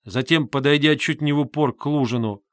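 A man narrating a classic novel in a measured, even audiobook reading. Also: on the high side, no echo, clean studio sound.

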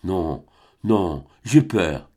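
A man reading an audiobook, voicing a frightened, withdrawn young priest in a measured, hushed, trembling way. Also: sits low, animated, husky, voice pushed down, full character voice.

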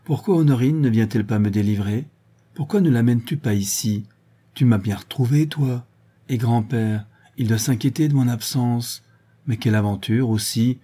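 A frightened, suspicious little boy locked in a cell fires off pleading questions, as a man reads him aloud. The voice sits a little higher than the reader's own, with a dark, husky grain underneath, told like a storybook. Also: moderate pace, lightly acted. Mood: anxious. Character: young boy held captive, anxious and wary.

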